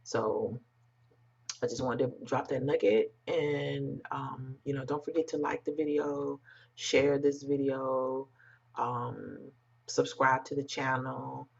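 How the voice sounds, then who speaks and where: Slow and flat, with vocal fry and a husky edge, this androgynous mid-range voice belongs to an American commentator talking bluntly and emphatically to an online audience off the cuff. The sound is muffled and lo-fi.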